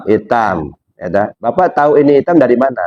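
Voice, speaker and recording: A man giving a religious study lecture, asking his listeners rhetorical questions and jumping up in pitch to stress his points. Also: sing-song, a little fast, highs cut off. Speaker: Islamic religious teacher.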